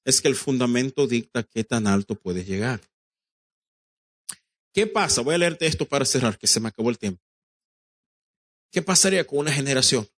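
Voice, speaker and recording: Preaching with lively intonation at a normal speed, this pastor pauses often and speaks in a mid-range voice. His sermon is emphatic, aimed directly at the congregation, with dialogue acted out and English phrases mixed into the Spanish. The recording is dry, free of room sound.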